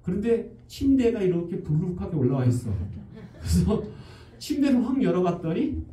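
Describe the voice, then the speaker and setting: A man's voice: high-pitched, big pitch swings, moderate pace, dark tone. A male pastor giving a conversational sermon in a church, explaining with everyday examples. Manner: conversational preaching with everyday examples and acted quotes. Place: church sanctuary. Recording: roomy church hall, distant mic.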